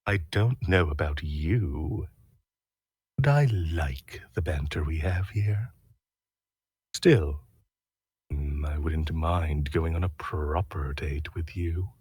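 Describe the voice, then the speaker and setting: Taking it slowly and pausing often, a man with a bass voice and a breathy edge is captured with no room sound. This ASMR voice actor reads a flirty roleplay script softly into a close microphone during a recording session, chatting casually in between.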